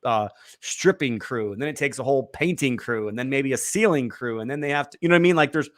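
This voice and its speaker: A man's voice: mid-range voice, fast. A man as an interview guest, rambling casually with many fillers and restarts.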